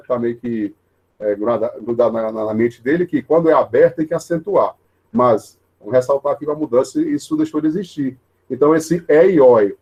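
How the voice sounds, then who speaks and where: Male teacher, mellow husky tone, walks students through rules patiently. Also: fairly high pitch. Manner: explanatory, many tag questions, repeats himself; says he talks fast. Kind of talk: online lesson on grammar.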